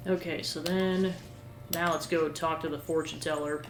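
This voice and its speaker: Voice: mid-range voice, fairly even intonation, moderate pace, background noise. Roomy-sounding game player talking through a playthrough. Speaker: video game player reading dialogue aloud. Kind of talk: playthrough commentary. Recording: roomy echo with game music behind.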